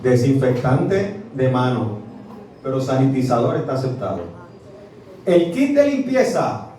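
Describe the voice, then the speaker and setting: A Puerto Rican man lectures with animation, throwing questions at his listeners. His voice is mellow. It rings in an echoey venue, heard from a distance with faint background noise. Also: medium pitch, a little slow. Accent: Puerto Rican Spanish. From Puerto Rico. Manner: animated, quizzes the audience. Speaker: professor giving a public talk. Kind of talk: lively public lecture. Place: restaurant event space.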